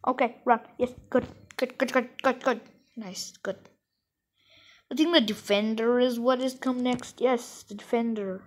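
A woman giving excitable, rambling let's-play commentary during a co-op game, playfully trash-talking her partner. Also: a little high, unhurried, poor audio. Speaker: gamer playing co-op.

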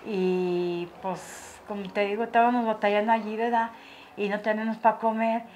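A woman's voice: mid-range voice, flat delivery, normal speed, darkish tone, highs cut off, slight background noise. An older woman, a mother being interviewed at home, telling family stories with emotion and acting out the dialogue. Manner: emotional storytelling, acts out quoted dialogue. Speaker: interviewee, mother of the channel owner.

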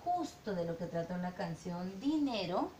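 A woman's voice: sing-song, unhurried, mellow. A woman teaching a virtual phonics lesson to young children, drawing out syllables in a sing-song way and often checking with her class. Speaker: kindergarten teacher. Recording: echoey room, faint rumble.

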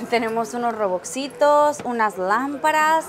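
A woman giving casual vlog commentary as she shops for capsule toys in a busy Japanese toy shop. She is chatty and excitable and laughs often. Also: on the high side, unhurried, a crowd in the background. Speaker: travel vlogger. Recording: noisy shop ambience.

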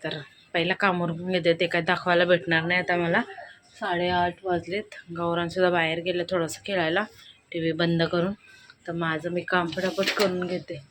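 A young woman with a Marathi accent, a vlogger who is a homemaker and mother, narrates her chores in her home kitchen, chatting casually while she works. She speaks at a normal speed with a fairly low, flat delivery, over loud background noise from the house.

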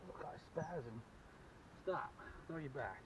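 Out on an open lake in a small boat, a fishing channel host in his forties excitedly narrates to himself as he lands and measures fish for a casual vlog. His voice is fairly high and a little slow. An action camera mounted on the boat picks him up from a distance, giving a dull sound with wind noise.

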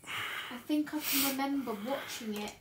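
A woman in her thirties hosts a livestream, colouring on camera while she chats casually, giggles, and greets viewers by name. Her voice is high-pitched at a normal speed, recorded in a roomy home space with faint background noise.

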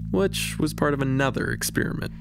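A young actor playing a social media star, narrating a comedy series in a wry, matter-of-fact confessional way. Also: male voice, medium pitch, animated, fairly quick, creaky, faint music behind. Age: young adult.

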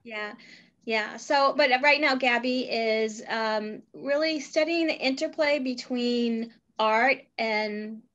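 Female co-host, slightly high, halting casual chatter, muffled lo-fi sound. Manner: warm-up chatter, halting with fillers. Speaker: co-host, operations manager. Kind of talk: casual talk-show chat.

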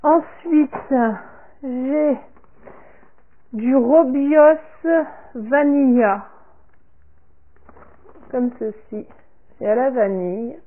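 Slow high-voiced woman, tinny phone-like sound. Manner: slow and halting, repeats "comme ceci" and "voilà", trails off softly. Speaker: vlogger showing a product order. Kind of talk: casual unboxing talk to camera.

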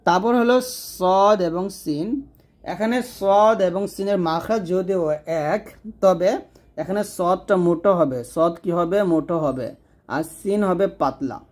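In a slow, step-by-step lesson, a man teaches how to pronounce Quranic letters, repeating each sound so the listener can copy it. His voice is high-pitched and a little mellow.

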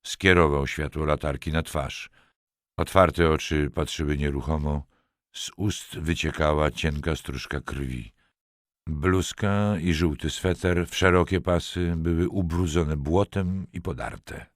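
Deep-voiced man reading a crime story. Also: a little slow, dry recording, clean studio sound. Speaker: audiobook narrator. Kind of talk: scripted crime story narration.

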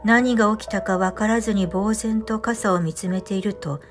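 A woman reading a scripted first-person ghost story in a hushed, eerie storytelling manner. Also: medium pitch, fairly even intonation, moderate pace. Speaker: horror story narrator. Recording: music and rain under the voice. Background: music, rain.

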